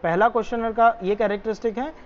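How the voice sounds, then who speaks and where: A woman tutor walks students through an exam solution point by point. Her voice sits a little high, and she often stops to check that everyone follows. The recording is somewhat muffled and lo-fi. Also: fairly even intonation, fast. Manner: explains step by step, checks understanding with "is that clear".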